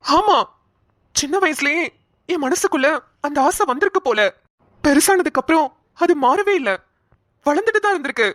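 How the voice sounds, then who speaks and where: A woman's voice: sits high, lively intonation, fairly bright tone, no room sound, studio quality. A woman voicing a young man, a shy childhood friend who hesitantly confesses his love. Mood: earnest. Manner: hesitant, halting speech.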